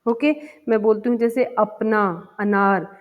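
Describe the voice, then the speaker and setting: A woman's voice: medium pitch, steady tone. A woman teaching a first-grade Hindi lesson, patiently repeating words and asking the children questions. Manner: chants the poem slowly and sing-song. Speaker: primary school Hindi teacher. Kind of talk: explaining a textbook lesson to young children. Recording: dull lo-fi sound with long reverb.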